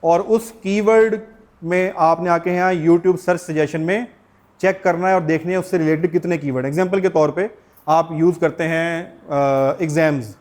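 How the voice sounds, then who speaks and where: A man's voice: on the high side, steady tone, moderate pace, a little mellow. A middle-aged man with a Pakistani accent teaching a class, explaining step by step and putting questions to his students. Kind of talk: classroom lecture.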